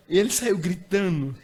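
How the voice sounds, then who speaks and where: A middle-aged Brazilian man, an evangelist preacher, telling a lively anecdote in a sermon and acting out the dialogue. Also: high-pitched, husky. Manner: animated storytelling, acting out dialogue with laughter.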